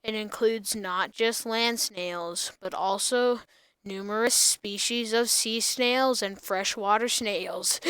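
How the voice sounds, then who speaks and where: A child hosting a facts show, reading an encyclopedia article aloud to viewers in a monotone way. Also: medium pitch, clean tone, no echo, rough recording. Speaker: host of a snail facts show.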